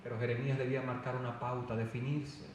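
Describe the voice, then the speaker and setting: A man preaching a fervent sermon with loud emphatic calls. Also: medium pitch, level tone, fast talker, a little hiss or hum. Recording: echoey hall, voice from far off.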